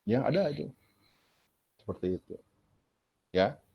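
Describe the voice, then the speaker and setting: A man's voice: medium pitch, expressive, unhurried, gravelly, slightly rough. A male lecturer, giving a casual, chatty classroom lecture and asking rhetorical questions as he explains. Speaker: university lecturer. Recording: dull lo-fi classroom recording.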